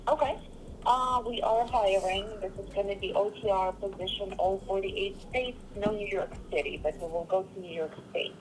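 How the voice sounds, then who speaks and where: A woman's voice: medium pitch, moderate pace, a little hiss or hum. A woman recruiter heard over a phone call, answering questions patiently with many hesitant fillers. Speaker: trucking company recruiter.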